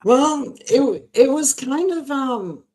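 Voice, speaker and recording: A woman's voice: sits high, lively intonation, slow, warm tone. A woman artist talking about her cover art in a casual live-stream chat, rambling and emotional, often laughing.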